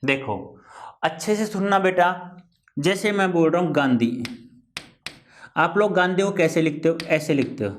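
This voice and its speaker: Male teacher, high voice, patient repetitive explaining, classroom-style lesson. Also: animated, slight background noise. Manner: repetitive, drawn-out explaining, addressing students as "beta".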